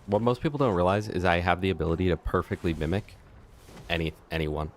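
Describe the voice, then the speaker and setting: A man's voice: low voice, fast, slight background noise. A man streaming a game, chatting and joking casually with his chat. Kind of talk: casual gameplay livestream commentary.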